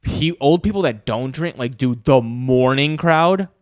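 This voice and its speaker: A young man telling lively stories in podcast banter, sometimes mimicking others in a raised voice. His pitch is ordinary for a man. The recording is dry and close. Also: measured pace, clean tone, dry recording. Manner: animated anecdotes, mimics customers in higher voices. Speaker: podcast co-host. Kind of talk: casual chat, storytelling.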